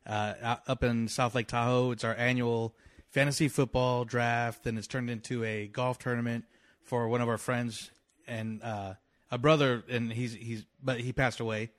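A man's voice: mid-range voice, level tone, moderate pace, no echo. Easygoing man with a mid-range voice, dry sound. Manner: easygoing, rambling shout-outs. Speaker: podcast co-host. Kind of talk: casual chat.

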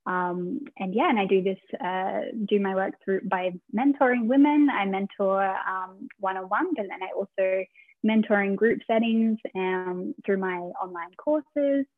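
A woman's voice: medium pitch, unhurried, dry recording. A woman, a podcast guest speaking in a grateful, casual way with many "um"s and "yeah"s. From Australia. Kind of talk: casual interview chat. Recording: tinny phone-like line, dry.

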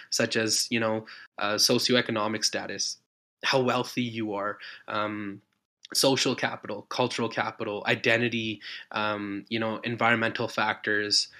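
A man's voice: mid-range voice, pushed and bright. A young man from Canada giving an informal explanatory talk as a guest speaker, casual and peppered with conversational filler words. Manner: casual, filler-heavy, frequent "you know" and "like". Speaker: guest speaker, community health specialist.

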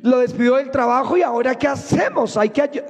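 A man's voice: very high voice, brisk, breathy edge, in a large hall, voice pushed up, full character voice. A man doing a flustered God in a comic sermon. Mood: urgent. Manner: fussy, urgent, comic. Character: fretful male God scrambling in heaven.

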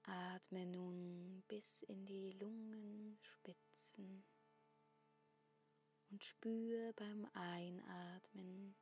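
A woman guiding a breathing meditation in a soft, breathy, half-whispered spa voice, giving calm instructions with long pauses. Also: medium pitch.

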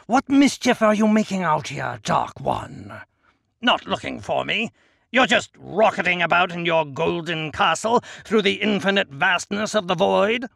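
A man voicing a cunning, menacing giant djinn king, deep-toned and slow, in a hushed threatening manner. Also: animated, vocal fry, no echo, studio quality, exaggerated voice. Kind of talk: audiobook character voice.

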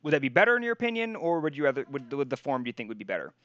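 A man's voice: medium pitch, very animated, very fast, a bit bright, no room sound, highs cut off. A man hosting a podcast in casual chat, rambling, laughing and swearing casually. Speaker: podcast host.

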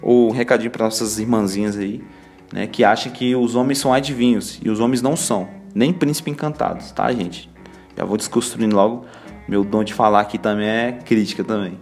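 A man's voice: on the low side, steady tone, a little fast, a little mellow, faint music behind. A young man with a Brazilian Portuguese accent, sharing a casual devotional reflection in a chatty, laid-back way full of slang fillers.

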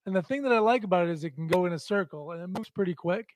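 A man's voice: sits high, very fast, dry recording. A middle-aged man chatting and bantering casually as co-host of a talk show.

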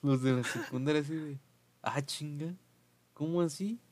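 A man's voice: a little high, moderate pace, darkish tone, dry recording. A young man with a Mexican Spanish accent, hosting a podcast and telling a story in slangy casual chat, acting out quotes in raised voices.

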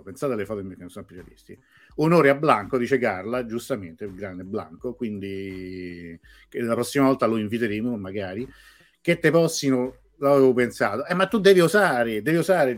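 A man with a Roman Italian accent hosts a casual live show in a mid-pitched voice. He plays the showy quiz master, rambling and joking at his own expense as he talks to his audience. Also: lively intonation, a little fast. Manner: rambling, self-mocking. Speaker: host of a live online talk show.

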